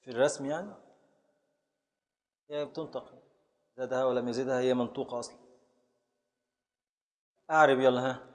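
A man's voice: mid-range voice, fairly even intonation, brisk, long pauses, in a large hall. A man teaching a class in Egyptian Arabic, patiently repeating and scanning words aloud and calling on his students. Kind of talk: classroom lesson on Arabic prosody and grammar.

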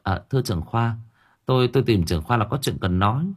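A man's voice: medium pitch, animated, fast. A man voicing a hesitant young woman nurse in an audiobook. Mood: shy. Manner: hesitant, stammering.

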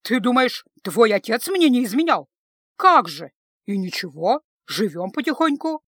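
A woman reading the part of a domineering middle-aged mother who scolds her daughter loudly and reproachfully. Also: mid-range voice, animated, moderate pace, no echo, studio quality. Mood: indignant. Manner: loud, lecturing, reproachful.

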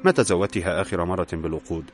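A calm, wry young engineer out of work , read by a man. He speaks evenly with a dry joke in it, his voice very low over soft music. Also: racing, lightly acted.

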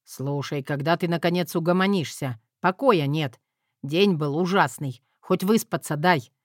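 A woman voicing a hoarse, gruff young man who grumbles wearily in an audiobook. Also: low voice, measured pace, no room sound, studio quality. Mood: grumbling. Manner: grumbling, weary.

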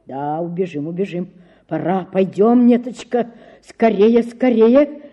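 A woman voicing a distraught, frantic father in a hushed, urgent voice, reading a storybook aloud. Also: mid-range voice, fairly even intonation, measured pace, lo-fi sound, close to an everyday voice. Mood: hurried.

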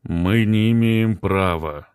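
A man voicing a soft-spoken, courteous male physicist. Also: lowish voice, expressive, moderate pace, no echo, studio quality. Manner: gentle, courteous.

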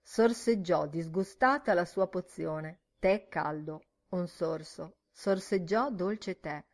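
A woman narrating a literary audiobook in a measured, rhythmic reading. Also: lowish voice.

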